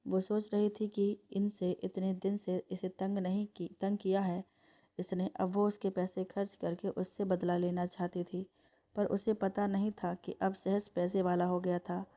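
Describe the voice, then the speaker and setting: A woman reading a family story aloud in a plain, steady way. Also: mid-range voice, a little slow. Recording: dull lo-fi recording.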